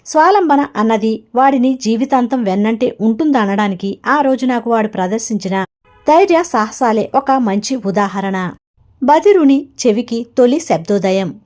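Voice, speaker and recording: A woman narrating a self-help audiobook in a steady, measured reading voice. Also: a little high.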